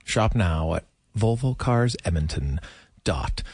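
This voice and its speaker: Lively, swooping male sports radio host. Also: deep voice, takes it slowly, husky, no room sound, studio quality. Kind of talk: casual live radio presenting.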